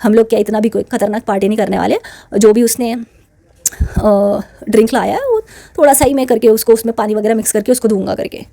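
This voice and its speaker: Woman venting about a friend, chatty and worked up, kinda high but warm voice. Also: fairly quick, gravelly. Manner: chatty and indignant, mixes English words into Hindi. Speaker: channel host telling a personal story. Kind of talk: casual storytelling to camera.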